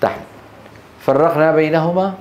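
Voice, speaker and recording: A middle-aged man, teaching a classroom lesson on Quran recitation rules, explaining step by step and quizzing his students with quick questions. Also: on the high side, steady tone, darkish tone, slight background noise. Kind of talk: classroom lecture on tajweed.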